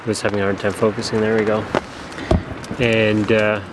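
A middle-aged man with a fairly low, level voice and moderate pace tells his canoe trip story to a nearby camera, rambling and restarting sentences. He's inside a small tent at night during a storm, and the recording picks up wind, rain and pine needles on the tent.

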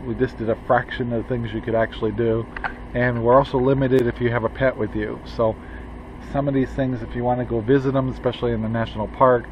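Middle-aged male RV vlogger, laid-back and rambling, slightly muffled audio with a faint hum. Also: medium pitch. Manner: relaxed, rambling, with many fillers. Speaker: RV travel vlogger. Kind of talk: casual travel vlog chat. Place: in a pickup truck, then outdoors beside an RV.

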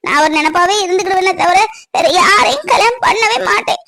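Woman voicing a young cartoon daughter, defiant, pleading, very high voice. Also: lively intonation, brisk, a crowd in the background. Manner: pleading, insistent, tearful. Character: defiant young village daughter refusing a match.

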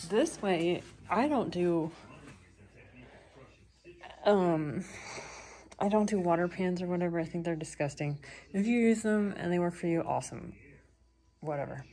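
A woman's voice: fairly low pitch, vocal fry, darkish tone. A woman rehabbing opossums, chatting offhandedly as she cleans and feeds them and talking to the animals, indoors at home. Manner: chatty and offhand, talks to the animals, casual swearing. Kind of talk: casual vlog chat while caring for animals.

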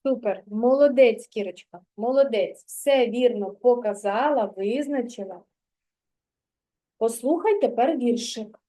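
Patient kindergarten teacher, woman, high gentle voice, mellow tone, unhurried. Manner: patient, slow, encouraging, praising often. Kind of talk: remote literacy lesson with a child.

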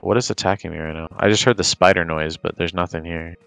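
Deep clear gamer bro guy, swears a lot, hyped, chatting while he plays. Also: fairly even intonation, fast talker, fairly bright tone, dry recording. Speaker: gaming streamer. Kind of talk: casual gameplay chat with a friend.

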